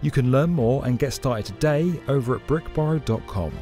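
A man giving scripted documentary narration in a clear, explanatory, lightly conversational way, recorded as a studio voice-over. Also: medium pitch, moderate pace, warm tone, soft background music.

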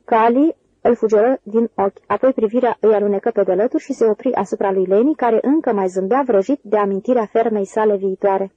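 A woman narrating a novel as an audiobook reader, in an even, measured way. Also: mid-range voice, no echo, highs cut off.

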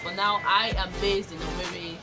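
A woman's voice: fairly low pitch, steady tone, normal speed. A young Nigerian woman with a Nigerian accent, hosting her vlog in giggly casual chat. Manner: giggly, chatty. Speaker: YouTuber host. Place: small indoor room before a patterned cloth. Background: music.

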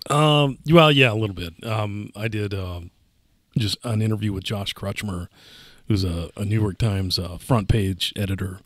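A man journalist chatting on a newsroom podcast in a fairly low voice. He hesitates often and searches for the right words. The studio sound is dry and close. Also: moderate pace, a bit bright, no room sound. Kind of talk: casual newsroom chat.

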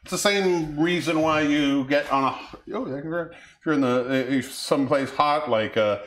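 A man's voice: fairly high pitch, unhurried, a bit bright, reverberant, slight background noise. A man co-hosting a cooking and drinks show, chatting casually as he mixes a cocktail, often trailing off and correcting himself. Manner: rambling, self-correcting, chatty. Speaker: co-host mixing cocktails. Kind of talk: casual chat.

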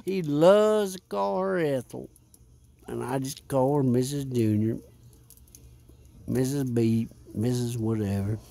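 Man, vlog host, rambling laid-back beer chat, unhurried. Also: medium pitch, vocal fry, warm tone, no room sound. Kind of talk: casual beer-review chat by a fire.

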